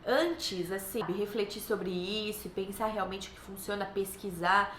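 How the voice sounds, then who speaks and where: A woman's voice: medium pitch, a little slow, fairly bright tone. A woman in her thirties with a Brazilian Portuguese accent, giving earnest, reassuring parenting advice to other mothers. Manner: earnest, reassuring, acts out playful voices for her kids. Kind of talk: casual advice vlog. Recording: echoey room, faint background noise.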